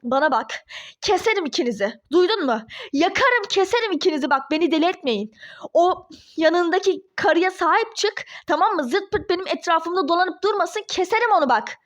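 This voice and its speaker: A woman playing a furious, very high-voiced ex-wife. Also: sing-song, fast talker. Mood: threatening. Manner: shouting threats, cursing. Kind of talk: toy-game role-play drama.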